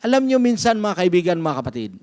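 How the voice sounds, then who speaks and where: A man's voice: high voice, big pitch swings, fast talker, darkish tone. A male pastor preaching a storytelling sermon, often addressing the congregation as brothers and sisters.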